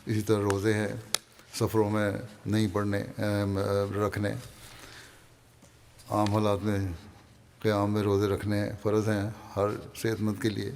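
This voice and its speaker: A man with a Pakistani Urdu accent delivering a Friday sermon, calmly reading and explaining quoted passages. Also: on the low side, long reverb tail, a little hiss or hum. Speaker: religious leader giving a Friday sermon.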